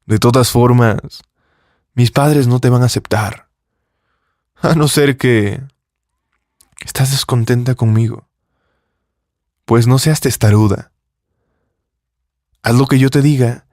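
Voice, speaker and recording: A man's voice: mid-range voice, darkish tone, no room sound, clean studio sound, natural voice. A man playing a cold, arrogant rich businessman. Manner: dismissive, controlling.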